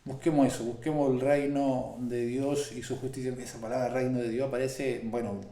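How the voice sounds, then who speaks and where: A man, a pastor in an earnest Bible study conversation who slows down to stress scripture. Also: medium pitch, flat delivery, dark tone. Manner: earnest, slows and stresses key phrases when quoting scripture. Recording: echoey room.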